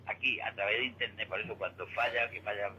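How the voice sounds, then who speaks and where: On a dull telephone line with a little noise, an older man calls local radio to give his opinions. His voice sits on the low side, pushed and bright, with fairly even intonation and a quick pace; he is emphatic, repeats himself, and presses for agreement.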